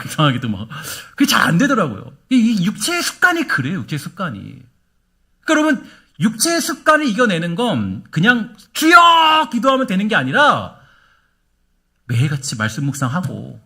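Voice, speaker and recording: A man's voice: high voice, bright, forceful tone, breathy edge. A middle-aged male pastor giving a sermon, preaching with rhetorical questions, repetition and light humor. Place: church sanctuary.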